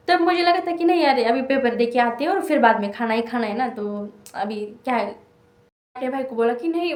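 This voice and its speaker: A young woman telling a personal story in a casual, rambling vlog, with many fillers and restarts. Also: on the high side. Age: young adult. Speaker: student vlogger. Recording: echoey room.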